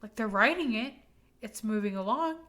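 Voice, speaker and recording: A woman's voice: fairly high pitch, lively intonation, moderate pace, a bit bright. A woman in her twenties, drunk and rambling emphatically through a casual, opinionated rant. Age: 20s.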